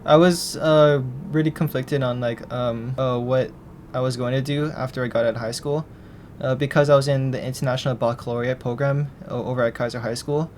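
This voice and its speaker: A young man in his twenties from Hawaii, answering interview questions in a halting, hesitant way, often restarting his sentences. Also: mid-range voice, fairly even intonation, a little mellow, a little hiss or hum. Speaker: interview guest, film student.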